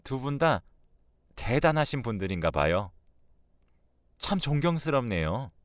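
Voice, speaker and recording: A man voicing a sharp-tongued daughter-in-law who speaks in a cutting, sarcastic way in a radio drama. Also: on the low side, very animated, a little slow, no echo, clean studio sound.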